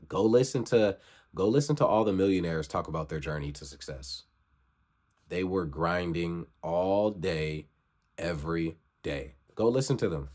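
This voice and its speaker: A man's voice: deep voice, normal speed, a little mellow. A man in his twenties gives a motivational vlog talk, preachy and repetitive, urging viewers to grind. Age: 20s. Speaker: vlogger.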